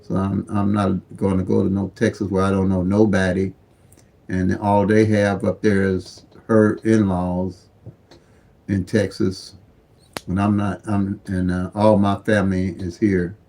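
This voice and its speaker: A man's voice: deep voice, level tone, unhurried, gravelly, mellow. A man in his seventies, from St. Louis, hosting a casual lottery livestream in a rambling, plain-spoken way that keeps repeating and restarting words. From St. Louis, USA. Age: 70s.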